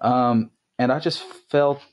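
In a relaxed podcast chat with his wife, a young adult male host rambles, restarting often and saying um a lot. He speaks slowly in a steady, mid-range voice.

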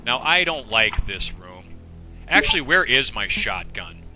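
A man's voice: mid-range voice, big pitch swings, measured pace, low-quality recording. A man giving casual, profane, rambling commentary over a video game while losing his voice. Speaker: let's play commentator. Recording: game music underneath.

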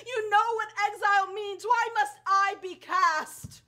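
A woman's voice: very high voice, a little slow, bright, forceful tone, a little hiss or hum, exaggerated voice. A young woman acting a wronged, vengeful foreign princess on stage, speaking with impassioned, tearful bitterness. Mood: pleading. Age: young adult. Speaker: student stage actor.

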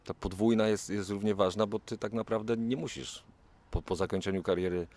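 A middle-aged radio reporter asking long, rambling questions with repetitions, outdoors at a stadium into a handheld mic. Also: male voice, on the low side, fairly even intonation, brisk, a little mellow. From Poland. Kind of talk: interviewing.

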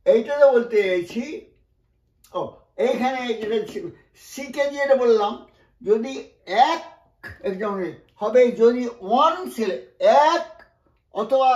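High-voiced man teaching pronunciation. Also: darkish tone, reverberant. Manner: patient, explains word by word with frequent asides. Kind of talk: spoken classroom lesson.

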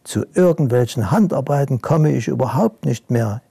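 A man's voice: mid-range voice, expressive, normal speed, vocal fry, mellow, breathy edge, dry recording, pitched above the performer's own voice, exaggerated voice. A man reading a bedtime story, voicing a pale, exhausted ghost who complains about its duties. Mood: whiny. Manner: whiny, yawning.

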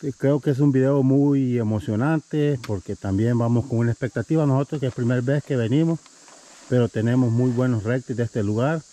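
Holding an action camera at arm's length, a family vlogger in his thirties narrates a casual hike up a wooded trail, slightly winded and chatty, greeting his audience as "mi gente." He speaks fairly quickly in a mellow, mid-range voice.

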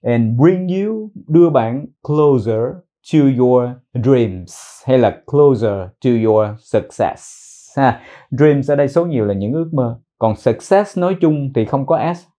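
A man teaching English pronunciation, repeating words slowly and explaining in mixed Vietnamese and English. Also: mid-range voice, lively intonation, dark tone. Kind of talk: pronunciation lesson.

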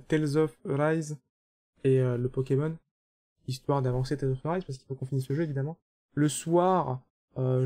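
Casual French streamer guy. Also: a little high. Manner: relaxed and chatty, with lots of fillers and swearing. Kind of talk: casual chat.

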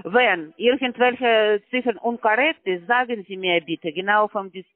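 On a call-center line, a man with a high voice speaks German slowly, carefully and haltingly, using non-native grammar and repeating everything back. The audio is tinny and dry, squeezed through a phone, with no echo.

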